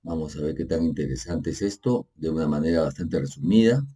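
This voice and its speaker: With lively intonation and a breathy edge to his low, deep, dark and mellow voice, an energy manager narrates an unscripted screen-share tutorial on software. Spanish is his first language. He speaks casually and without hurry, correcting himself as he goes, with fillers like "pues" and checking in via "¿no?"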